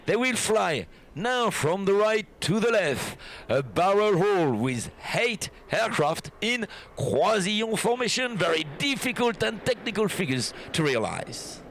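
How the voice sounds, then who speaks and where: A man's voice: high voice, big pitch swings, measured pace, a bit bright, a little hiss or hum. A man with a French accent giving live airshow commentary, explaining each formation in an admiring, showy way.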